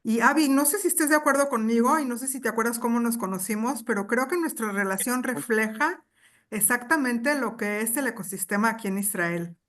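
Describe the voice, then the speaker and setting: A woman speaks on an online panel with a slightly high voice. She is warm and sometimes pauses to search for words. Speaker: chamber of commerce director, panelist.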